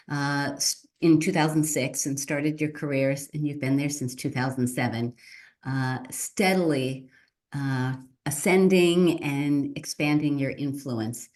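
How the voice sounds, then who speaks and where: A middle-aged woman hosts a conversation, her voice sitting low in her range. She praises her guest warmly and asks long, winding questions with the odd "uh". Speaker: host, state senator. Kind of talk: interview.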